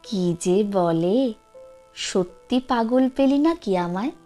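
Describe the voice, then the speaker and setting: A woman voicing an unwell elderly mother who lashes out with sharp, scornful outbursts in a storybook reading. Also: medium pitch, expressive, takes it slowly, faint music behind. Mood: dazed. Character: unwell elderly mother, fierce, mocking, confused.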